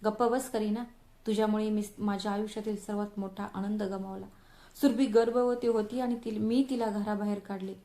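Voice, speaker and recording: A woman voicing a stubborn young husband who shouts and then pleads, in a storybook reading. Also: on the high side, a little slow, lightly acted. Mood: angry. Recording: roomy echo.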